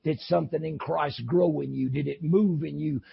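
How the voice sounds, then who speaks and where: A man preaching an impassioned sermon, swinging from shouting to low, intense talk. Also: steady tone, normal speed, vocal fry, slightly rough, lo-fi sound. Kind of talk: fiery sermon.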